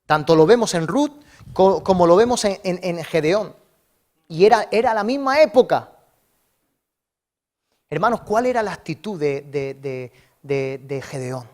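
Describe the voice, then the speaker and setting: A man's voice: high-pitched, expressive, a little slow, long pauses, a little mellow. Fervent preacher, man. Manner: fervent, repeats words and builds to emphatic peaks. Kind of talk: sermon.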